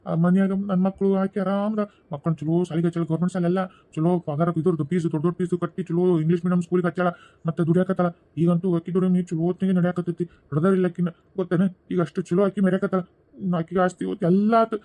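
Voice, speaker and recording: A man's voice: sits high, flat delivery, very fast, mellow, no echo. A man voicing a helpless, pleading young husband in a cartoon, with a North Karnataka Kannada accent. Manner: pleading, whining.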